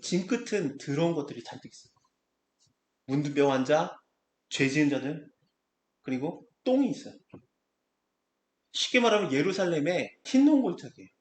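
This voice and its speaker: A man with a fairly high voice teaches a Bible passage in a relaxed, conversational way. He bursts into the quoted lines with lively changes of tone. The sound rings in a roomy, echoing space. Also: moderate pace, pauses often. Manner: animated, acts out quoted speech.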